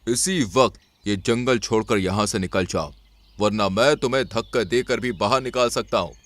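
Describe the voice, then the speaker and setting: A man's voice: lowish voice, no echo, close to an everyday voice. Man playing an arrogant lion king. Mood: angry. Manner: bossy, quick and forceful.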